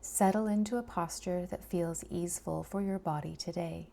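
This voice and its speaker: With fairly even intonation and a lowish voice, a female meditation guide talks listeners through a body scan. She sounds soft, soothing and breathy, often drifting toward a whisper and pausing at length between phrases.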